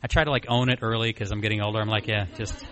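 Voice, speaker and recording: A mid-forties man tells his own story at a recovery meeting, candid, self-deprecating and rambling. He races along with flat delivery, his lowish voice a bit bright.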